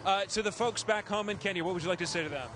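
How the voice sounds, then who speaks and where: Fast, high-pitched male sideline reporter, noisy outdoors. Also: over music. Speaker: finish-line sports reporter. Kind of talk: live post-race interview. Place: outdoors at a race finish line. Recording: noisy outdoor street broadcast. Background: clear ambient street noise.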